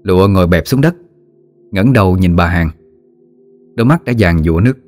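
A man narrating a folk ghost story in a measured, dramatic way. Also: sits low, animated, darkish tone, soft background music.

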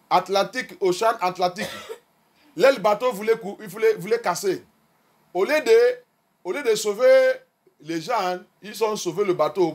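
High-voiced pastor preaching in two languages. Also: male voice. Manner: preaching with sharp swings between loud and soft; switching between French and English. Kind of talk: bilingual sermon.

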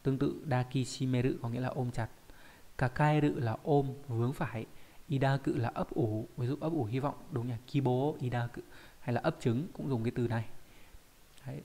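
A man's voice: mid-range voice, steady tone, brisk, dark tone. A man with a Vietnamese accent teaching a Japanese kanji lesson online, explaining each character step by step and often checking in with his students.

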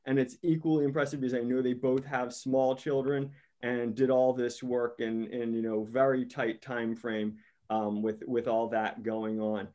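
A man's voice: medium pitch, flat delivery, mellow. Middle aged guy on a webcam call introducing speakers, lots of ums and restarts. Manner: halting, many fillers and restarts. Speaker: session moderator introducing speakers. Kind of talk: casual spoken introduction. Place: small indoor room. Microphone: laptop webcam on a video call.

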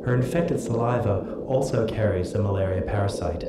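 A man giving measured, scripted documentary narration, heard played back in a hall. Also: on the low side, heavy background noise. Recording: roomy playback through hall speakers.

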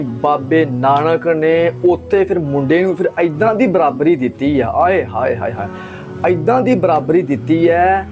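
A religious speaker delivers an impassioned talk in a fairly high male voice, pressing his audience with rhetorical questions and repeated phrases. He comes from Pakistan. Soft music plays faintly underneath. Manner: rhetorical questions and emphatic repetition.

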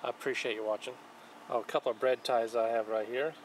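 A man's voice: medium pitch, fairly even intonation. Guy listing his magnet fishing haul one item at a time, easygoing, average voice, outdoors with a little background hum. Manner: plain, unhurried, listing items one by one. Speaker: channel host showing magnet fishing finds. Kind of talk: casual show-and-tell narration. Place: outdoors on a wooden dock by a lake.

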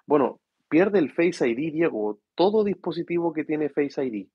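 Guy, 30s, worn out, talking quiet at home so the kids stay asleep, kinda breathy and muffled, no room echo. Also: on the high side, very animated, moderate pace. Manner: speaks softly to avoid waking his children. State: tired. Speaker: host of a tech livestream. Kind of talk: casual live chat reading viewer questions.

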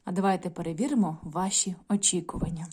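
A woman teacher in a video lesson, reading a folk tale aloud and addressing the children in a clear, measured storytelling manner. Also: fairly low pitch, a little mellow. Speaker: primary school teacher.

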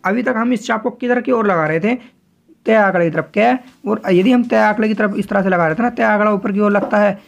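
A man teaching a shorthand lesson, explaining each step patiently and often checking that it is clear. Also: sits high, a little fast. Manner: patient, repeats points, often asks if it is clear.

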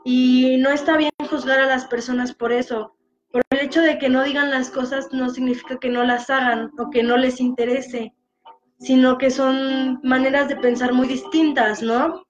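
A woman discussing a novel in casual chat, expressive and acting out the voices she quotes. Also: high-pitched, moderate pace. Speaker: book discussion host. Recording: dull lo-fi sound with faint music behind.

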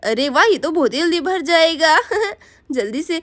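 A woman voicing a busy village mother in a doll story, scolding, hurried and fond. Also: sits high, expressive, a bit bright.

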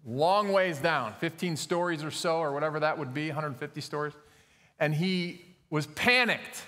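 A man's voice: a little high, moderate pace, fairly bright tone. A male pastor preaching a sermon in a conversational way, with frequent fillers and self-corrections, recorded in a church sanctuary. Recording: long church hall reverb.

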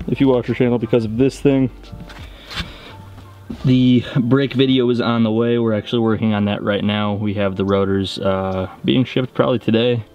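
A man's voice: medium pitch, level tone, normal speed, dull audio, faint music behind. A young man hosting a car-repair vlog outdoors, talking to the camera in a casual, profane way as he works. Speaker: channel host. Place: outdoors on a street beside a car.

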